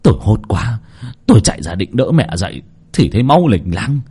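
A man doing a stammering, panicked son with a husky, low voice. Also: very animated, a little fast, dark tone, full character voice. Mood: sobbing. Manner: stammering, wailing. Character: panicked middle-aged son, sobbing and stammering.

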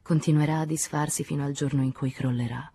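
A woman reading a literary novel aloud as an audiobook, quiet and intimate, often sinking to a whisper. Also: deep voice, steady tone, fast, husky. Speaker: audiobook reader.

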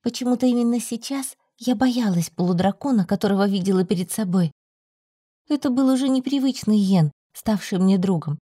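A woman narrating an audiobook in the first person, with a soft, tense reading. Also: mid-range voice, slightly rough, no room sound, clean studio sound.

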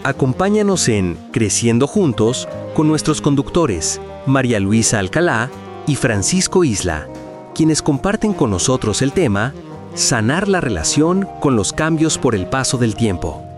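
A man reads a scripted radio promo in an inviting announcer voice. His pitch swings widely as he speaks. Clear guitar music plays behind him. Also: sing-song, a little slow.

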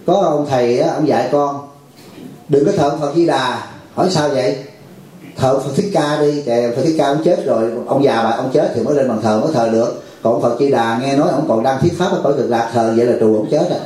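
A man, a monk teaching a retreat, gives a folksy dharma talk, often checks in with the crowd and acts out little dialogues. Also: fairly quick. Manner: folksy, asks the crowd "phải không?" often; acts out dialogues with lively pitch jumps. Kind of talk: dharma talk to a temple audience. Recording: very echoey hall.

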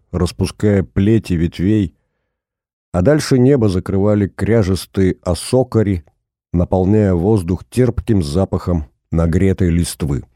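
A man narrating a first-person audiobook in a steady, measured storytelling manner. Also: low voice, no echo, studio quality.

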